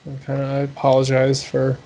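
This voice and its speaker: A man's voice: monotone, brisk, dark tone. A tired young man co-hosting a casual podcast chat, speaking hesitantly with many restarts. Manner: hesitant, stumbling, low-key. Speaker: podcast co-host.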